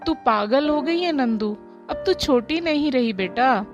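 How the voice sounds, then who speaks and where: A woman's voice: sits high, expressive, a little slow, dull audio, music in the background. A woman voicing a strict, worried mother in a spoken story, scolding and fussing. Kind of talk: storybook voice acting.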